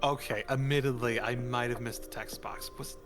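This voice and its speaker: A man with a mid-pitched voice chats casually on a game stream. He explains his ideas at length and muses on how words sound. Game music plays clearly behind him. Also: fairly even intonation, moderate pace. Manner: explanatory, musing on word sounds.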